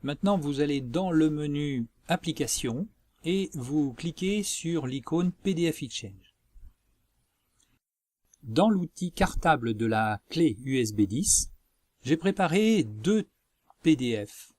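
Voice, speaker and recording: A man presenting a software tutorial as a screencast voice-over, explaining methodically step by step. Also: fairly high pitch, lively intonation, takes it slowly, no room sound. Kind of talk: instructional screencast narration.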